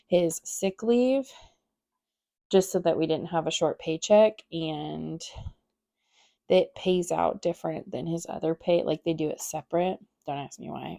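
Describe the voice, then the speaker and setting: A woman's voice: fairly low pitch, creaky, mellow. A young woman vlogger talking casually to camera while budgeting, chatty and rambling with lots of fillers, her voice thick with emotion. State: emotional, close to tears.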